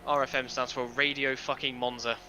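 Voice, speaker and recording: Man, very bright voice, casual race chat, self-deprecating, swears, headset mic. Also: medium pitch, little pitch movement, a little fast, a little hiss or hum, poor audio. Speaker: streamer and sim racing driver. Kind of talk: casual chat while racing.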